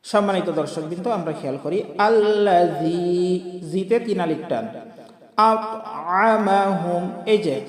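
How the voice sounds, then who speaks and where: A man teaching Quran recitation, who speaks patiently to viewers and repeats each syllable slowly. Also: a little high, darkish tone. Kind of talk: pronunciation lesson. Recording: echoey room with long reverb.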